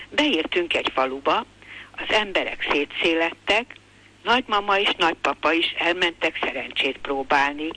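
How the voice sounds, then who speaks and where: An older woman reading a passage from her own memoir aloud in a calm, measured way. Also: sits low, slightly rough, low-quality recording.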